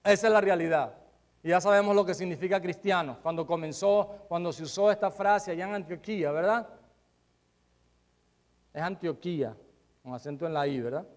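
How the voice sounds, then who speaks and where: Fairly quick in pace and high in voice, a preacher addresses his congregation, shifting between booming emphasis and soft remarks and asking questions he doesn't expect answered.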